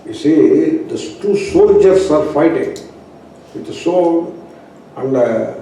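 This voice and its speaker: An Indian-accented man teaches a philosophy class in a mellow, relaxed voice. He speaks with emphatic repetition and pauses. The recording is very echoey, picked up from a distance in a room. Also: fairly high pitch. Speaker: spiritual teacher. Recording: echoey room, distant mic, faint noise.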